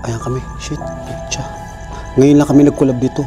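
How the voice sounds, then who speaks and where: A man's voice: mid-range voice, flat delivery, normal speed, over music. A man hosting a ghost-hunting vlog at night in a windy outdoor cemetery, filming on a handheld camera. He swears often and talks straight to his viewers. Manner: jumpy, swears a lot, speaks to viewers. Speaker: vlog host.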